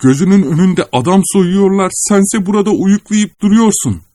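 Akaki Akakiyeviç, a man doing a shrill timid clerk. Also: normal speed, warm tone, dry recording, clean studio sound, close to an everyday voice. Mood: panicked. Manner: high-pitched, strained outcry. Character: timid, downtrodden middle-aged male clerk crying out.

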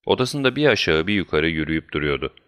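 A man reading a story aloud as narrator, with steady storytelling. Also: sits low, fast talker, dry recording, clean studio sound. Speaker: audiobook narrator. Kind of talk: scripted narration.

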